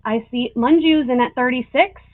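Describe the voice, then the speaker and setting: A woman's voice: high voice, normal speed, no room sound. A woman working as an auctioneer on a live online sale, presenting items and calling bids. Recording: tinny phone-like sound.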